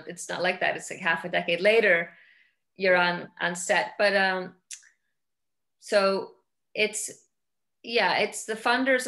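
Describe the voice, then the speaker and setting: A woman's voice: medium pitch, creaky, fairly bright tone. Thoughtful Icelandic woman on a video call. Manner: thoughtful, repeats words while searching for phrasing. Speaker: film director. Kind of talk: casual video-call conversation. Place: home room with large windows.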